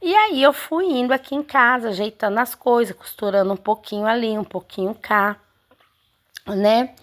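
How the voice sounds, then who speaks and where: A woman's voice: a little high, normal speed. A woman, a home seamstress telling her viewers a personal story in a chatty way, full of fillers and asides to her audience. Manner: chatty, keeps addressing viewers, many fillers.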